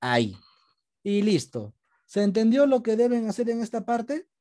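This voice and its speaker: Male teacher, patient and step-by-step, video call, very animated pitch. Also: normal speed. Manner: patient, explains step by step, asks students questions. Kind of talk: online class lesson.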